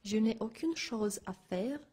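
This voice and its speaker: A woman reading a scripted textbook dialogue slowly and gently. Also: on the high side, lively intonation, slightly rough. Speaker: dialogue reader.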